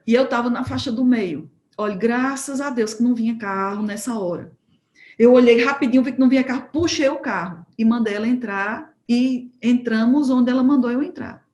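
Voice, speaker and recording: A woman preaching at a church home group, telling a testimony as a lively story and acting out the dialogue. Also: fairly high pitch, fairly quick, roomy sound, dull audio. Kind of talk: sermon testimony told as a story.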